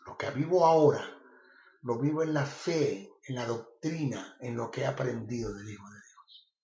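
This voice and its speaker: A man's voice: medium pitch, normal speed, creaky, mellow. A male preacher giving a sermon, emphatic and often repeating himself. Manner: emphatic and repetitive. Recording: roomy, slightly dull recording.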